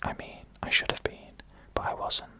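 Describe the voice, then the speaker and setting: Slow, deliberate and punctuated by pauses, the hushed ASMR whisper belongs to a narrator reading scary stories. This speaker narrates and hosts a scary story show.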